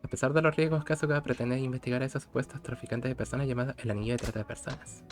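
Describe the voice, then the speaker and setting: A man's voice: medium pitch, steady tone, rapid-fire. A man streaming a game, reading its text aloud in a casual way. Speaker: let's-play streamer reading game dialogue. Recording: game music behind the voice.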